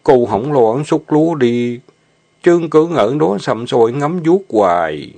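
A man's voice: mid-range voice, sing-song, measured pace, dark tone, pitched above the performer's own voice. A man playing a lovesick, stammering farmhand. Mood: hesitant. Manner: stammering, pleading. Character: young male farmhand, shy and lovesick. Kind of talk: audio drama reading.

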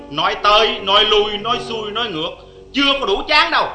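An actor with a Southern Vietnamese accent playing a joking, teasing husband in a radio drama, talking in a lively, bantering way. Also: male voice, sits high, a little fast, exaggerated voice. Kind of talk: vintage radio drama acting. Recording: roomy echo with clear music behind.

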